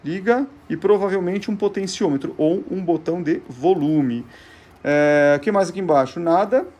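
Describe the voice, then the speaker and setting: Hosting a show about vintage gadgets, this Brazilian Portuguese-accented man explains things in an informal, teaching style, quizzing himself and supplying the answers. His voice sits high and is a little mellow, at normal speed.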